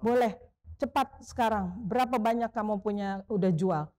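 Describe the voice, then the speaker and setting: Speaking at an ordinary pace with a mid-range voice, a middle-aged veteran of sports broadcasting shares stories during an informal interview. She brings quoted people to life by acting out their voices, and a courteous "Pak" for the man across from her keeps popping up.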